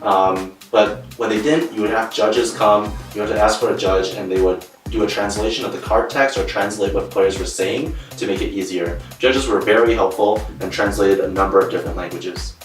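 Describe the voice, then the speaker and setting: Answering interview questions as co-host and guest player, this Canadian man speaks in a plain, earnest manner with occasional fillers. His voice is fairly low and steady at normal speed, captured distantly in an echoey room with faint background music.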